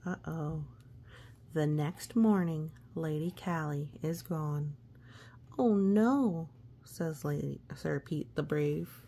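A woman with a deep, gravelly yet mellow voice reads a picture book aloud slowly and flatly, adding playful, exclamatory asides as though speaking to a young child. A little hiss or hum sits under the recording.

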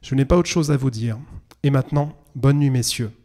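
Brief: man reading tired, composed surveyor, calm and low, warm tone. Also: natural voice. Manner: calm, low-voiced, measured. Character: weary, composed male land surveyor.

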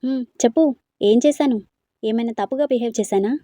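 A woman's voice: a little high, brisk, dark tone, dry recording, clean studio sound, natural voice. A woman reading a storybook, voicing a cheeky young man who teases playfully. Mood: polite. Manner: playful teasing.

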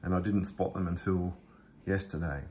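A man with a deep voice, fairly even intonation and a moderate pace gives a casual tour of his home kitchen and pantry, filming on a handheld phone. He rambles with lots of fillers and restarts, and there's background noise.

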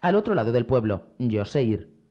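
A man's voice: mid-range voice, very animated, normal speed, muffled recording. A man reading aloud, voicing a loyal, obedient servant. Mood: deferential. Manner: deferential, cautious.

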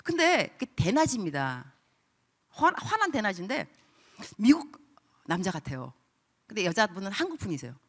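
A middle-aged woman pastor delivers a sermon as an animated storyteller, acting out the voices of the people she talks about. Her pitch swings widely from low asides to high outbursts. Her tone is bright and sharp. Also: moderate pace, pauses often.

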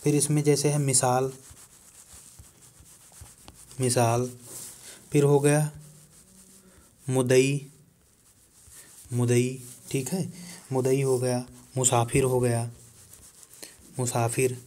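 Slow-paced male teacher repeating words. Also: medium pitch, level tone, mellow. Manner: slow, repeats each word twice while writing on a board. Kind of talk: classroom lecture, reading out a word list.

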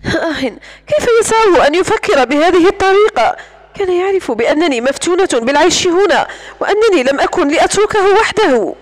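Brief: woman reading as shaken young woman, high voice. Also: animated, fairly quick. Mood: troubled. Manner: soft, hesitant.

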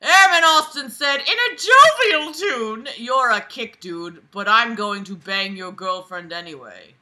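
A woman in her twenties reads a bit slowly in a voice on the high side with a sharp tone. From her bed in a small bedroom, she keeps stopping to mock the text with exasperated, sarcastic, profane remarks.

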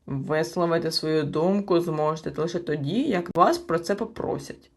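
A woman's voice: low voice, expressive, normal speed. A woman voicing a stern, self-important male storybook creature who acts as a judge, speaking in a clipped, officious way.

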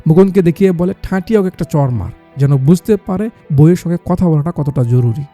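A man's voice: fairly high pitch, expressive, quick pace, warm tone, soft background music. A man narrating a movie recap, voicing every character's lines himself.

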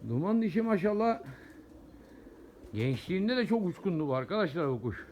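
A man with a high voice talks through a casual outdoor vlog at his pigeon loft. He is chatty, repeats words and keeps addressing his viewers as he follows the birds. Faint background noise and cooing pigeons run under a phone-camera recording. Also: very animated, moderate pace, a little mellow. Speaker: pigeon keeper vlogger.

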